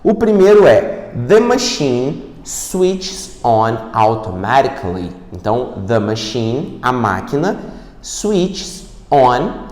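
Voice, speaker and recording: A man with a Brazilian Portuguese accent teaches an online English lesson in a relaxed, chatty manner and keeps checking in with his listeners. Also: on the low side, reverberant, long reverb tail.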